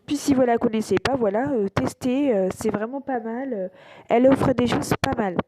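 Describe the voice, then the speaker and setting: A woman's voice: on the high side, normal speed, very noisy. A woman hosting her own channel, casually walking viewers through an app over a screen recording, hesitant and full of fillers and restarts. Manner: keeps saying voilà. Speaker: YouTube channel host.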